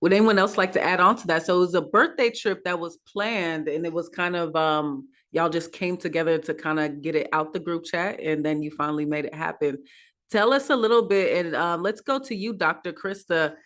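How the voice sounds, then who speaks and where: A woman's voice: lowish voice, a little fast, fairly bright tone. A woman hosting an online panel talk show over a video call, upbeat and loose, with many fillers. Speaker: host.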